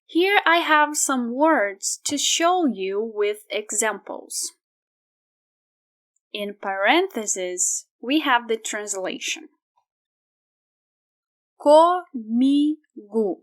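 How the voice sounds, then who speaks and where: A woman teaching pronunciation at a very slow, measured pace. She says each example word several times and pronounces it with care. Her voice sits a little high. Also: lively intonation, fairly bright tone. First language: Brazilian Portuguese. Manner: repeats each word slowly and deliberately. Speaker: language teacher.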